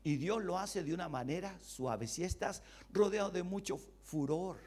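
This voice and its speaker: Male pastor teaching a Bible study, high voice with big swings, rhetorical questions to the room. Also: moderate pace. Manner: animated, rhetorical questions to the congregation; voices God's replies in a low voice.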